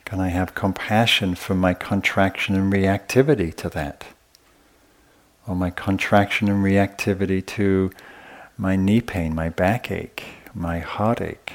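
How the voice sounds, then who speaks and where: Gently and without hurry, a man leads a guided meditation talk at a retreat, often pausing between brief phrases. His voice is low-pitched, with fairly even intonation.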